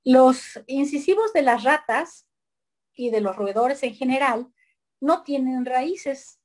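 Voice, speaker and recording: Chatty woman lecturing. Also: high-pitched. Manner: conversational, frequent fillers and tag questions. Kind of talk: online lecture with slides.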